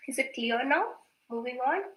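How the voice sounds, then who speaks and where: A woman teaching a Korean grammar class online, patient and repetitive, often clearing her throat and mixing in Hindi. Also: fairly high pitch, pushed and bright, roomy sound, poor audio. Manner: patient, repeats words slowly, mixes in Hindi.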